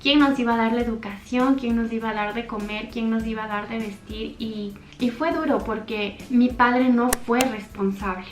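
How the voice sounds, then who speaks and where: A woman's voice: fairly high pitch, steady tone, normal speed, few pauses. A young woman tells a personal story from her childhood to her channel in an earnest, heartfelt, intimate way. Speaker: YouTuber. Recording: echoey room.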